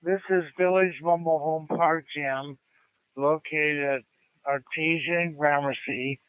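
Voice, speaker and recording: Man, high-ish crisp voice, deliberate pace, heard over two-way radio from afar. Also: steady tone, no room sound. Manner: slow and deliberate. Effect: heard over a two-way radio transmission. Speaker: emergency radio net member checking in. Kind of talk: radio net check-in. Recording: tinny radio band, distant.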